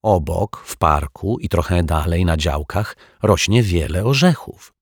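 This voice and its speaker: A man voicing a mild-mannered male detective who speaks calmly and with gentle reproach, in a storybook reading. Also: sits low, a little slow, slightly rough, no room sound, clean studio sound, heavily acted.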